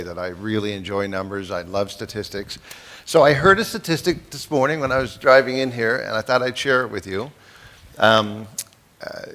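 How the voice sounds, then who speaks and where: This keynote speaker, an East Coast man in his fifties, keeps things folksy and full of jokes while quizzing the crowd. He speaks in a mid-range voice with a fairly bright tone.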